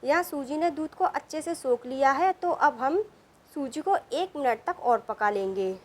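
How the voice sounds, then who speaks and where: A woman narrating a cooking recipe step by step in a calm, steady instructional voice-over. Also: high-pitched, unhurried. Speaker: cooking channel host.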